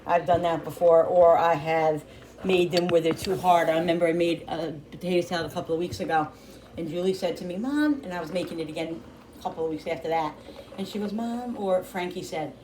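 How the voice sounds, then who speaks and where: A woman's voice: lowish voice, little pitch movement, fast, darkish tone, a little hiss or hum. Chatty mother rambling while cooking. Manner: rambling, chatty, with many restarts. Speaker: cooking channel host. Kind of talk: casual chat while cooking.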